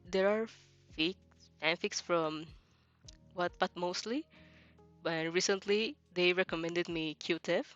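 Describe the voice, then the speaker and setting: With music in the background, a woman hosts a laid-back fanfic reaction livestream, giggling and hesitating as she looks for words. Her voice sits fairly low in pitch, and the audio quality is lo-fi.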